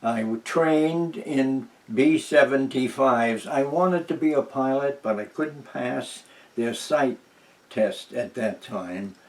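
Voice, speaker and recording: Speaking from home in an oral history interview, a veteran in his nineties from New Hampshire talks very slowly, circling back through restarts, fillers and soft chuckles. His pitch is medium, and because he sits a little away from the microphone, he sounds distant.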